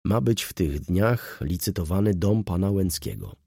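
A man playing a quiet, guarded merchant from a classic audiobook, with a low, gravelly voice and a husky edge, answering in short, restrained lines. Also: lively intonation, moderate pace, no echo, clean studio sound, full character voice. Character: quiet, reserved middle-aged male merchant. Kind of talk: audiobook character voice.

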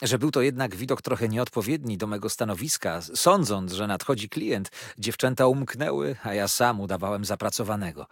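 A man's voice: fairly low pitch, lively intonation, moderate pace, few pauses, breathy edge, no echo. A man voicing an effusive young male lawyer who gushes and fires off questions, as a storybook reader. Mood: cheerful. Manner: gushing, breathless, showers questions.

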